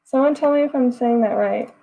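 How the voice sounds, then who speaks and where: Her voice is fairly high yet gravelly and dark, a little fast, and the audio is dull. The 21-year-old Texan livestream host keeps things chatty, reading incoming chat messages aloud and answering them.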